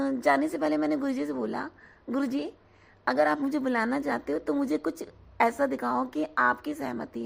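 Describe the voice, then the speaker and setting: A hoarse woman giving an earnest devotional testimony, often addressing her listeners directly. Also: high voice. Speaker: devotee sharing a satsang.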